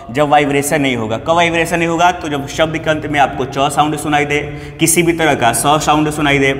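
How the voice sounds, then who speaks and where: A man with a fairly high, fairly bright voice gives a Hindi-language lesson on English pronunciation, patiently repeating each example word several times. The room is echoey with long reverb and faint background noise.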